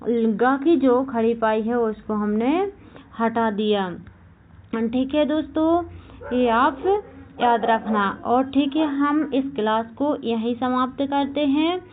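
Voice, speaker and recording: A woman teaching a Hindi grammar class for exam candidates, slowly repeating each point and asking questions that she answers herself. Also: on the high side, phone-quality sound, a little hiss or hum. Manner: slow and repetitive, asks questions and answers them herself; keeps saying "okay, remember this". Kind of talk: exam-prep class lecture.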